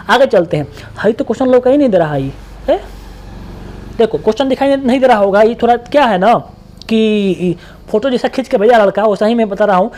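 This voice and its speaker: A man with a Bihari accent tutoring students for an exam. He talks quickly and colloquially, drilling points by repeating them. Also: extremely high pitch, darkish tone, a little hiss or hum. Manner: rapid, repetitive drilling, colloquial. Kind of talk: exam-prep lesson.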